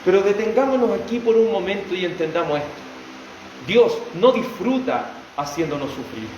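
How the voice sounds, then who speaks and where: A man's voice: sits high, lively intonation, normal speed, a little mellow, lo-fi sound, a little hiss or hum. A man preaching a sermon in an earnest, emphatic way, stretching key words. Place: church hall. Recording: echoey room, voice from far off.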